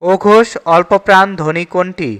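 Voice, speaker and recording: High, clear-voiced man drilling grammar answers. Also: moderate pace, in a large hall. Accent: Bangladeshi Bengali. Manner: steady question-and-answer drilling, repeats answers. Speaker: teacher solving exam questions. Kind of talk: exam-prep grammar lesson.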